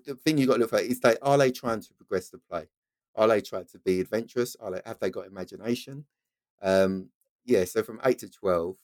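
A man's voice: deep voice, darkish tone, no echo. A man with an Essex accent giving explanatory interview answers as a football scout and coach, emphatically repeating his key points.

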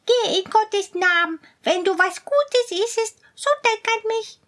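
A woman voicing a timid, chatty little female mouse in a storybook reading, with a squeaky, peeping voice and rapid, excited chatter.

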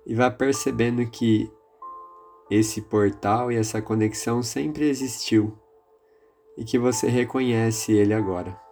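A man with a Brazilian accent leading a guided meditation in a calm, soothing, measured manner. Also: mid-range voice. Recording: music behind the voice. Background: music.

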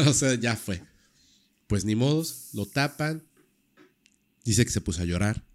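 A man casually telling a true-crime story on a podcast, lively and full of fillers. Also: fairly low pitch, takes it slowly. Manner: animated, acts out quoted dialogue, many fillers.

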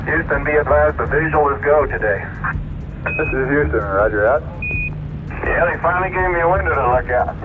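A man's voice: on the high side, moderate pace, narrow, tinny audio, noisy background. A man talking like a pilot or controller over the radio, in clipped procedural calls on an archival transmission. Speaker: mission control and crew radio voices.

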